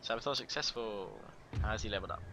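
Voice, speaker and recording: A man's voice: fairly low pitch, fast, creaky. A man casually narrating his strategy game campaign, rambling, joking at himself and stumbling over foreign names. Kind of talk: casual let's play commentary. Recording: game music behind the voice.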